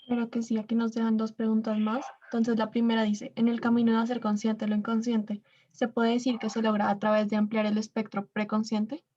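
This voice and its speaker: A woman moderating a Q&A on a video call and reading audience questions in an even way. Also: a little high, a little fast. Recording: dull lo-fi sound.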